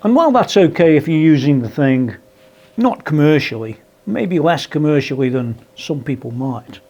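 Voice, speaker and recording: A man presenting a product review in a measured, explanatory sales manner, partly scripted and partly off the cuff. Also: fairly high pitch, lively intonation, a little mellow, muffled recording.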